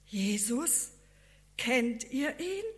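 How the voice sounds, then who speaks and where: A woman putting on a humble, devout man from a poor village in a read-aloud story. He speaks slowly and tenderly, his voice lifted and a little breathless with wonder. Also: a little high, expressive.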